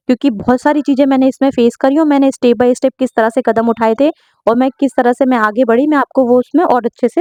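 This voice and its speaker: A woman's voice: sits high, a little mellow, no room sound. A young woman home baker, chatting earnestly as she answers viewers' questions in a casual vlog, often checking in with her listeners. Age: young adult.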